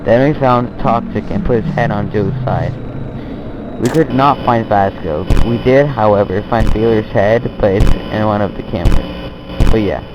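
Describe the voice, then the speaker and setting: A man plays a night-shift trainer in an amateur horror game. His voice is on the low side and he explains things in a casual, offhand way, trailing off now and then. There is clear noise throughout the recording. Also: normal speed, lightly acted. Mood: casual, warning. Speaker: phone guide briefing a new night guard.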